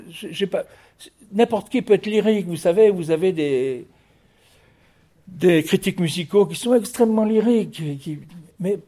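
A man's voice: on the high side, dark tone. A man over fifty, a guest in an interview, speaking with passion while often stumbling and repeating his words. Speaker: guest, record producer and music writer. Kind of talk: radio interview.

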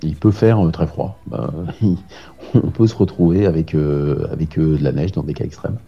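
A man's voice: extremely low pitch, steady tone, normal speed, creaky, slightly rough. A man in his forties chatting casually about a long bike race, with many fillers and dry jokes. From France. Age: 40s. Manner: hesitant, many fillers, joking. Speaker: amateur ultra-distance cyclist. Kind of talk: casual interview talk. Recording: dull lo-fi sound with music behind.

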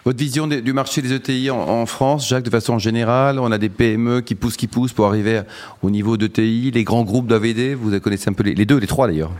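A man's voice: mid-range voice, quick pace, a little mellow. A man hosting a radio interview show, chatty, often finishing his guest's sentences. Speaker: radio host.

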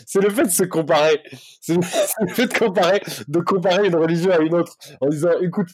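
A man's voice: sits high, fairly quick, a little hiss or hum. A man co-hosting a comedy podcast, chatting casually, laughing often and repeating his words. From Corsica and mainland France. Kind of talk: casual chat.

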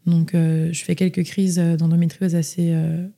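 A woman's voice: fairly low pitch, flat delivery, normal speed, creaky, dark tone. A young woman from France telling her personal story as an interview guest, chatty, with many fillers and restarts. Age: young adult.

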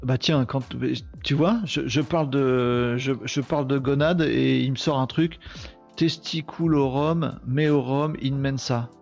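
A male host of a live tech show, talking in a chatty, excitable way and punctuating with quick exclamations. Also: mid-range voice, gravelly, muffled recording, soft background music. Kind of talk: casual live commentary.

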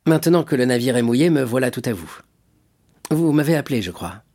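A polite, earnest young ship's mate, as a man reading a novel puts him on. He answers plainly and respectfully, with a husky tone. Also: mid-range voice, expressive, fairly quick, a little mellow. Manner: polite, forthright.

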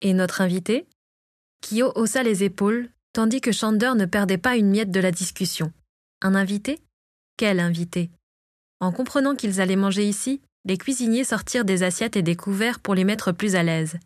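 A woman narrating a storybook chapter in a steady scripted reading. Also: mid-range voice, a little fast, hardly any pauses, no echo, clean studio sound. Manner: reads all characters herself, lightly varying her voice. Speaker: audiobook narrator.

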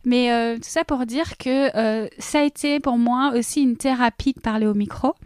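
A woman podcaster speaking in a casual interview, expressive and searching for her words. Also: on the high side, moderate pace, clear, resonant tone, dry recording, studio quality. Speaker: podcaster guest. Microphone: studio microphone.

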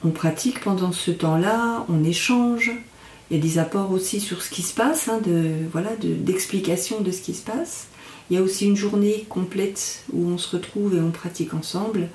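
A woman speaking as an instructor in an interview, explaining things in a reflective, halting way as she searches for her words. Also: on the low side, darkish tone. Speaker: mindfulness instructor and guest. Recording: echoey room, distant from microphone.

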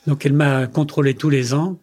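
A man's voice: a little high, steady tone, a little fast, darkish tone. An older man, a company president interviewed as a guest, tells personal stories in conversation and acts out the dialogue he quotes.

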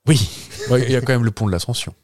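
A man's voice: medium pitch, very fast, darkish tone, dry recording. A man with a Moselle accent, co-hosting a podcast in a studio, chatting casually with playful teasing and rambling asides. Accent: Moselle French. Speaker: podcast co-host. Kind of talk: casual chat. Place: studio with a producer present. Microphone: studio microphone.

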